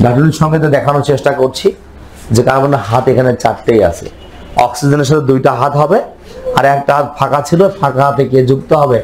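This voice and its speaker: A man's voice: medium pitch, steady tone, fast, poor audio. A man teaching a chemistry class, lecturing and firing repeated questions at his students.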